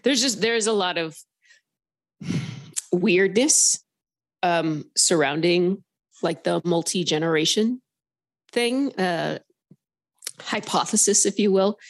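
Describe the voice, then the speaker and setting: Speaking slowly with frequent pauses, this Southern California woman is a caller on a phone-in podcast, recounting a paranormal experience in casual storytelling. Her voice is on the low side. She rambles animatedly and fills her speech with plenty of filler words.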